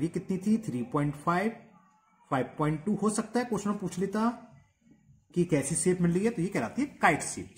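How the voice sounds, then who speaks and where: Male maths tutor with an animated, slightly high voice. He draws out dictated words and checks understanding. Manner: talks while writing, dictating slowly, asking checking questions. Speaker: maths teacher. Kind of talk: step-by-step geometry lesson in Hindi with English terms.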